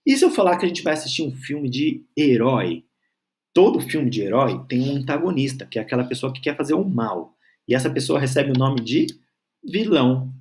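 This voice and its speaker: A man's voice: medium pitch, big pitch swings, a little mellow. A man teaching a grammar lesson, patiently stretching out syllables and checking in with the learner. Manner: patient, spells out syllables slowly, frequent "tá?" and "certo?" checks.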